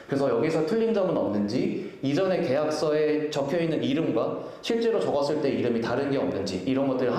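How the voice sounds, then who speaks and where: At a company event in an echoey indoor venue, a product owner gives a business conference presentation to an audience. His voice is a little high and mellow, and he explains politely and formally, with frequent hesitations and restarts.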